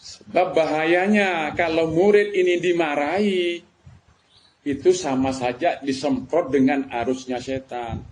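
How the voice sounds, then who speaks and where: A man's voice: a little high, a little slow. A middle-aged man with a Madurese-Javanese Indonesian accent giving a religious lecture, emphatic and full of rhetorical questions. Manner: emphatic, rhetorical questions, mixes colloquial words. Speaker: preacher. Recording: faint background noise.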